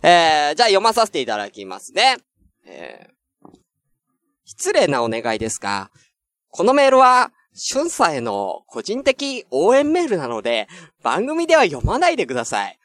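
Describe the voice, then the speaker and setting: A man hosting a solo morning radio chat, playfully bantering with listeners and bursting into mock-outraged shouts. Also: a little high, wildly swooping pitch, moderate pace, dry recording, clean studio sound. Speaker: net radio host.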